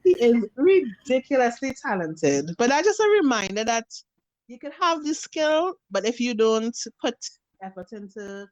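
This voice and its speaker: On a low-quality recording, a woman with a voice a little high and a moderate pace tells animated stories, acting out little quotes. She is a Trinidadian face and body painter in her thirties, from Trinidad and Tobago, chatting casually as a guest on a video call interview.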